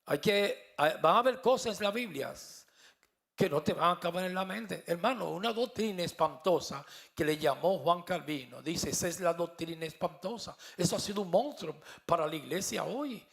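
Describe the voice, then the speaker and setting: A man's voice: high-pitched, expressive, moderate pace, creaky, a bit bright. A man preaching a sermon as pastor, fervent, climbing to emphatic peaks.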